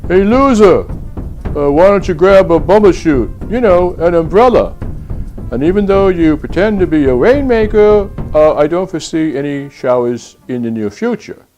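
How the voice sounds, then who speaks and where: A man co-hosting a comedy show, talking hesitantly with many pauses. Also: on the high side, animated, darkish tone, muffled recording, faint music behind. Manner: hesitant, full of uh's. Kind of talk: comic banter.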